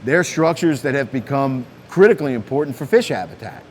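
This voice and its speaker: A man's voice: mid-range voice, expressive, brisk, a little hiss or hum. A man speaking in an explanatory way in a documentary interview.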